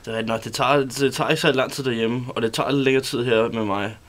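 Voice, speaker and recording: A man from Denmark, a barber, explaining his work haltingly with many fillers while he shaves a guest in a radio studio. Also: mid-range voice, fairly even intonation, fairly bright tone. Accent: Danish.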